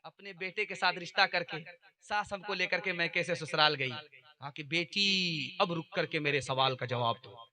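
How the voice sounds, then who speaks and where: A man's voice: on the high side, normal speed, pushed and bright. A man preacher giving a sermon, telling a story with dialogue and repeating his advice phrase by phrase. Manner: repetitive, exhorting, voicing mother and daughter in dialogue. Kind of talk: sermon with storytelling and sung verse.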